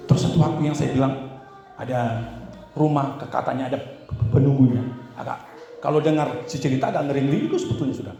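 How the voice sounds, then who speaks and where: A man preaching a Sunday sermon as pastor, telling stories and swinging between loud exclamations and quiet asides. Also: medium pitch, fast, soft background music. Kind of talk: Pentecostal sermon with storytelling. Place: church sanctuary. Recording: very echoey church hall.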